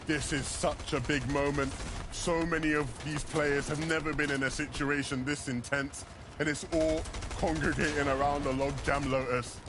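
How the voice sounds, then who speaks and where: A man's voice: fairly high pitch, flat delivery, normal speed. A man giving live esports analysis in flowing sentences that stress what is at stake. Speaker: esports caster. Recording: game gunfire noise behind. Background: video game gunfire and ambience.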